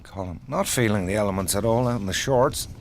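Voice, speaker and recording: A man's voice: fairly low pitch, fairly quick. A man giving commentary at a golf tournament. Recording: clear outdoor ambient noise.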